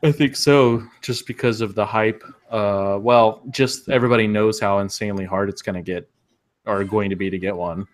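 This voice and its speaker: Laid-back low-voiced podcast co-host man. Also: steady tone, moderate pace. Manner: laid-back, opinionated, chuckling. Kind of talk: casual gaming chat.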